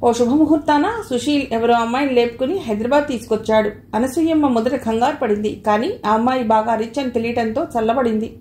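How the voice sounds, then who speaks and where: A woman narrating an audio novel in a calm, even storytelling manner. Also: on the high side, fairly quick, few pauses. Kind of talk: scripted narration. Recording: echoey room, faint hiss.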